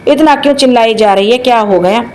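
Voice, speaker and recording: A scornful, bossy old mother-in-law scolds the household in a spoken story, as a woman narrator puts her on. The voice sits fairly high and the manner is harsh and dismissive. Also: fast, a little mellow, a little hiss or hum, lightly acted, low-quality recording. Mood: angry.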